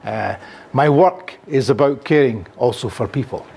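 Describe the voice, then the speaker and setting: With vocal fry and a breathy edge, an older man from Scotland speaks in a mid-range voice at a moderate pace and a Scottish accent. He is giving an animated conference lecture in a classroom with a projector, gesturing freely and using many fillers, while a camera at the back records him.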